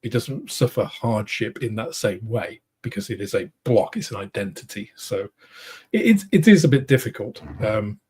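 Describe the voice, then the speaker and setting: A middle-aged man with a British accent, hosting a casual livestream, answering viewers in a rambling, thoughtful way with many pauses and restarts. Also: on the low side, expressive, darkish tone, breathy edge. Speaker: host of a model-making livestream. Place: home studio room.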